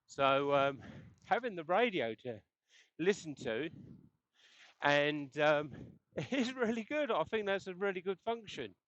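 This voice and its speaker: A cycling vlogger chats casually while riding on the road, rambling and chuckling into a helmet intercom headset mic. His voice is a little high, sing-song, and fairly bright, and he takes his time. The recording has no room sound but is muffled.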